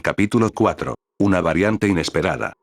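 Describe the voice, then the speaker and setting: Male storyteller, slightly low voice, steady scripted narration. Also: fairly quick, no echo, clean studio sound. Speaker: fan fiction narrator.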